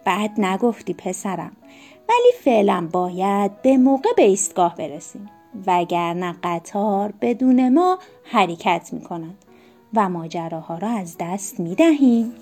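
A woman's voice: mid-range voice, expressive, dark tone, faint music behind. Woman doing a kind, reassuring father. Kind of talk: storybook reading.

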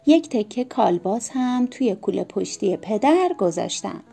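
A woman's voice: medium pitch, expressive, creaky, mellow. A woman voicing a loving mother who fusses with reminders, in a storybook reading. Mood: fussing. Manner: insistent, caring reminders.

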